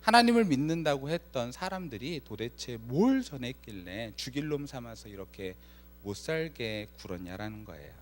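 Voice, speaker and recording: It's a Friday night sermon from a pastor in the church sanctuary, his voice medium-pitched and moderately paced. He tells his story with energy, acting out what characters say and turning to the congregation with questions.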